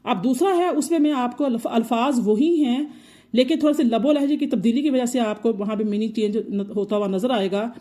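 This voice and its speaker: Female recitation teacher, higher-pitched, patient and repetitive delivery. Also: dark tone. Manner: patient, repeats points slowly. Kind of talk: explanatory tajweed lesson.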